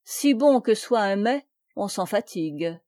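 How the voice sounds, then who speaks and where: An arrogant nobleman captain barks his orders in a slow, deliberate, mellow voice, read aloud by a woman. He sounds haughty and used to command. The sound is close and dry. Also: medium pitch, lively intonation, dry recording, close to an everyday voice.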